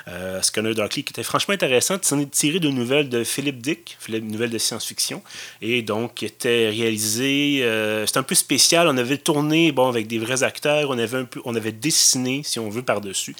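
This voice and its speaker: A man's voice: medium pitch, a little fast, a bit bright. A man with a Quebec French accent talks through a film on his own podcast. His delivery is loose and conversational, and he circles back as he hunts for the right word. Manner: rambling, loose and conversational, often searching for words. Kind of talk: casual solo podcast commentary.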